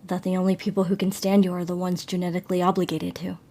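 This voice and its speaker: A woman's voice: lowish voice, flat delivery, quick pace, warm tone. A woman voicing a smirking young man on a date in a story game, with a dry, teasing manner.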